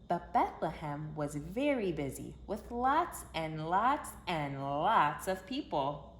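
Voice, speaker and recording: This woman reads to little kids slowly, her fairly low voice expressive and emphatic and her phrasing kept simple. An echoey room and a layer of background hiss, sometimes faint and sometimes clear, surround her.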